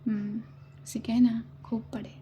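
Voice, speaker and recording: A woman voicing a stern but tender older mother-in-law in a whispered role-play, teasing and commanding in a soft voice. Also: on the high side, flat delivery, unhurried, muffled recording, a little hiss or hum, natural voice. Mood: gentle.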